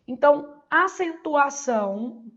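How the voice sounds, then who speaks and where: She takes it slowly, this Brazilian teacher, with a high, a bit bright voice and lively intonation. Her Portuguese exam-prep lesson is didactic, as she asks questions and answers them on her own; the audio is muffled.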